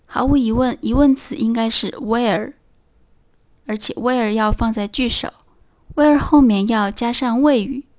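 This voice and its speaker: Higher-voiced woman teaching English. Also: a little mellow, muffled recording. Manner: slow, clearly spelled-out English example phrases. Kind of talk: scripted lesson narration.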